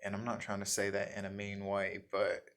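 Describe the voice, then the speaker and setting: A man with an Appalachian accent chatting casually in a folksy, halting, self-deprecating way, as the host of a guitar vlog. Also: on the low side, monotone, fairly bright tone. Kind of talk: casual rambling chat.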